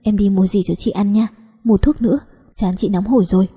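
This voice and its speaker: A woman's voice: medium pitch, steady tone, fairly quick, mellow, slightly rough, long reverb tail. A coaxing young cousin, as a woman reader voices him. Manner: coaxing, tender and scolding.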